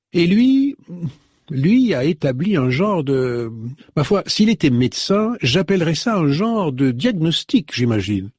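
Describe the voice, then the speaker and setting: Audiobook role: a man doing a chatty older lady novelist, husky, voice lifted. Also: on the high side, a little mellow, no room sound, clean studio sound, pitched above the performer's own voice.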